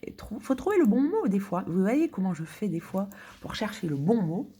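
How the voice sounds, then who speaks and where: Husky French woman musing aloud. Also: medium pitch, very animated, normal speed, dark tone. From France. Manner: muttering and whispering while searching words; indignant outbursts. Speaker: vlogger. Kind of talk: casual thinking-aloud monologue.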